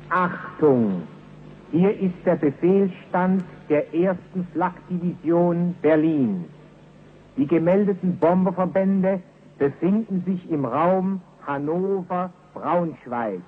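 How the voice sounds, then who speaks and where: A man making a slow, clipped official air-raid announcement, heard through a tinny loudspeaker-style wire-radio broadcast. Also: high voice. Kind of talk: wartime public announcement. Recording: tinny, distant, slightly noisy archival broadcast.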